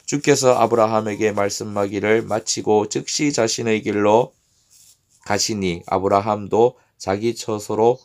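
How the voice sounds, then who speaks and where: A man reading scripture aloud in a steady, measured way. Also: fairly low pitch. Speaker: scripture reader.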